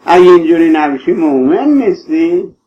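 A man's voice: fairly high pitch, lively intonation, dark tone, lo-fi sound, slight background noise. A man preaching a sermon, impassioned and pleading, tenderly addressing his listeners.

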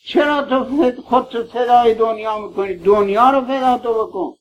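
A man preaching a mourning sermon, pleading with his listeners and calling them by affectionate names. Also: extremely high pitch. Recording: dull lo-fi recording.

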